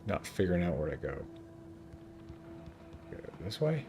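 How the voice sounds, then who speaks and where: A man streaming a video game, giving excitable, chatty commentary to his chat. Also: low-pitched, unhurried, over music. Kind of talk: casual gameplay commentary.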